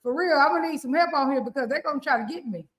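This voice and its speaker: An animated woman with a rural Southern US accent hands out relationship advice on a live-stream show. She talks casually and preaches a little, with a fairly high voice and a roomy echo around her. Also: very fast. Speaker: relationship coach co-hosting a morning show.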